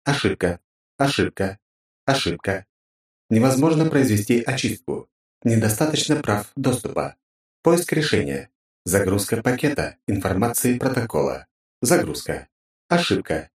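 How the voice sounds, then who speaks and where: A man's voice: mid-range voice, very animated, unhurried, roomy sound, far from the mic, pitched above the performer's own voice. A male audiobook narrator voicing a malfunctioning computer system that reads clipped status reports and repeats its error messages. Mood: glitching.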